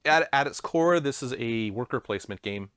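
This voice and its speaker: A man's voice: medium pitch, animated, moderate pace, fairly bright tone, clean tone, dry recording. A man hosting a casual board game stream, explaining the rules with self-deprecating asides. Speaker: host.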